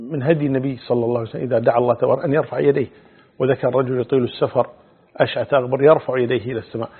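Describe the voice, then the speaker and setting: A middle-aged male Islamic scholar answering religious questions in a measured, explanatory way, quoting hadith. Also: medium pitch, breathy edge. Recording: phone-like narrow band.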